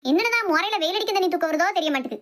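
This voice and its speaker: A woman's voice: lively intonation, racing, fairly bright tone, a little hiss or hum. A woman voicing a scolding, self-pitying older mother-in-law in a cartoon, with a Thoothukudi Tamil accent and a wailing, nagging way of talking. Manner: shrill nagging, wailing complaints. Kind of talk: cartoon voice acting.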